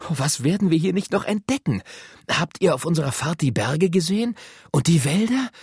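An eager eldest boy from a storybook speaks confidently and brightly, pitched well above a man's own voice. The delivery bounces with enthusiasm, husky in texture, close and dry. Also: sing-song, moderate pace, no room sound, full character voice. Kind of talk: audiobook reading.

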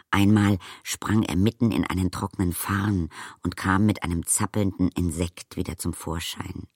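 A man with a very low voice narrates a children's storybook in a calm, even reading. The recording is dry and close to the mic, with no room sound. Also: no room sound. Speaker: audiobook narrator.

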